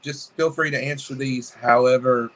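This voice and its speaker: A man's voice: mid-range voice, steady tone, moderate pace. A man co-hosting a casual chat, asking a guest questions in a friendly, rambling way. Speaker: co-host interviewer.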